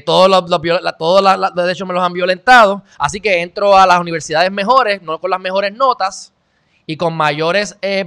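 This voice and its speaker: A man's voice: sits high, fairly bright tone. A man with a Puerto Rican accent hosting an opinionated commentary monologue, blunt and lecturing. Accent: Puerto Rican Spanish. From Puerto Rico. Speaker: commentary show host.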